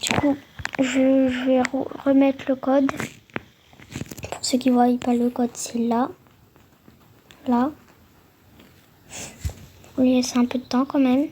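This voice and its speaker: A woman's voice: high-pitched, flat delivery, slow pace, pauses often, warm tone, a little hiss or hum. A woman talking through a game tutorial, hesitant, with many fillers and restarts. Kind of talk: casual game tutorial voice-over.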